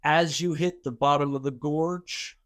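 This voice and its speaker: A man's voice: a little high, steady tone, a little slow, no room sound, studio quality. A middle-aged man narrating a tabletop game as game master, describing the action step by step and explaining the rules.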